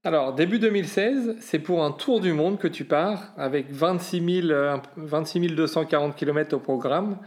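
A man with a slightly raised pitch asks questions as interviewer. He speaks plainly, and at one point he apologizes for his accent. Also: normal speed, hardly any pauses, darkish tone.

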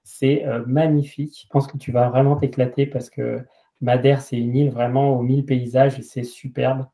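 Dark-voiced man hosting a chatty podcast. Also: mid-range voice, flat delivery, moderate pace. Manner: enthusiastic, with fillers and restarts. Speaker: podcast host. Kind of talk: casual interview chat.

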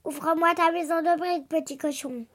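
A woman voicing a menacing hungry male wolf in a read-aloud children's story, dropping into a lower, threatening voice. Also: steady tone, brisk.

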